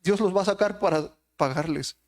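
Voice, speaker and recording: High-voiced man preaching a sermon. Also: normal speed. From Mexico. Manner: preaching with rhetorical questions to the congregation.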